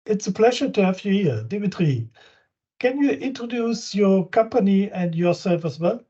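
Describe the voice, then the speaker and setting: A man's voice: sits high, animated, normal speed, mellow, slightly rough. A man with a German accent hosting an interview, friendly and affirming, who restarts phrases in English. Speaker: interview host, business coach. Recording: dull lo-fi sound.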